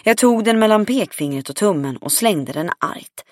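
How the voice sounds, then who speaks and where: A woman's voice: medium pitch, animated, no echo, studio quality. Woman reading a first-person audiobook. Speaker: audiobook narrator. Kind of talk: scripted first-person narration.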